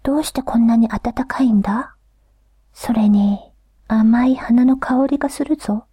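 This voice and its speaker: Woman whispering as a devoted young man, earnest, pleading, slightly raised whisper, breathy, storybook. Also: fairly high pitch, a little slow, mellow, dry recording, clean studio sound. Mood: wondering.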